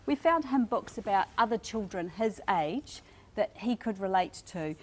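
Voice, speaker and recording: A woman's voice: mid-range voice, lively intonation, a little slow, a little hiss or hum. A woman speaking as a guest in a studio interview, explaining things earnestly from a parent's point of view. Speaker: guest parent and reading advocate.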